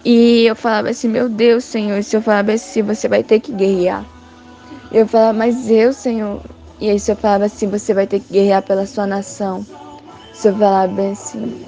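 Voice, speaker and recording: Young woman, church testimony, halting, repetitive, flat pitch, mellow tone. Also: vocal fry, soft background music. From Brazil. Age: young adult. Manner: halting, repetitive, many restarts and fillers. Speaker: church member giving testimony. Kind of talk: spoken testimony of a vision.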